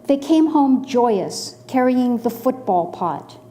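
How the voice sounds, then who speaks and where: A woman in her sixties from the Los Angeles area, telling a personal story in a measured, dryly humorous way. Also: a little high, animated, dark tone, a little hiss or hum. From Los Angeles area, USA.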